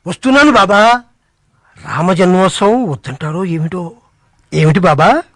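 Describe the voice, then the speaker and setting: A man's voice: high-pitched, expressive, fairly bright tone, no room sound, clean studio sound, exaggerated voice. An actor playing an eager, devoted male disciple who readily agrees. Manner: obliging, quick to agree. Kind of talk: devotional drama dialogue.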